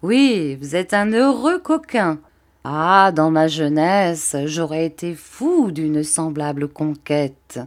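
A hearty old nobleman teases in a raised, louder voice, as a woman puts him on. He sounds jovial and pleased with himself. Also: low voice, animated, slow, few pauses, exaggerated voice. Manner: hearty, teasing. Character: jovial older nobleman, teasing.

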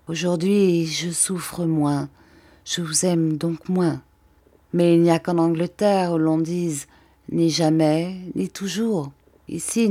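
A solemn, heartbroken noblewoman speaks in a low, unhurried voice, read by a woman. Her pleading stays measured and devout. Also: mellow, slightly rough, heavily acted. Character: grieving noblewoman, devout and wounded. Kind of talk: audiobook reading.

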